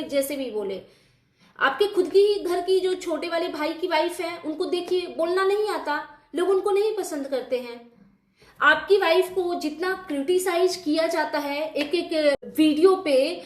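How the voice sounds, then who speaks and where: A woman's voice: extremely high pitch, roomy sound. A woman hosting a reaction video, arguing indignantly and speaking straight to the person she criticizes in casual commentary. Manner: indignant, argumentative, addresses her target directly.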